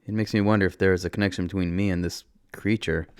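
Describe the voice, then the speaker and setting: A man narrating a story in the first person, expressive, with his voice jumping up on exclamations. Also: deep voice, quick pace, clear, resonant tone, dry recording, clean studio sound.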